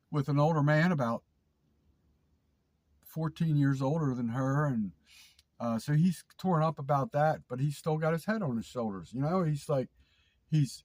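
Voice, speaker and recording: Vlog host, male, congested nasal voice, slightly raised pitch, loose rambling delivery with fillers, dry room. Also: a little mellow, dry recording. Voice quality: nasal, stuffy. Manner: rambling, repeats words, frequent fillers. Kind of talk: casual storytelling monologue.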